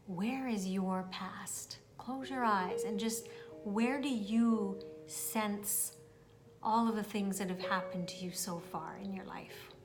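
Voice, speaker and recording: Over meditation music, a woman with a mid-range voice leads a guided meditation, speaking soothingly and deliberately to the listener directly, with long pauses.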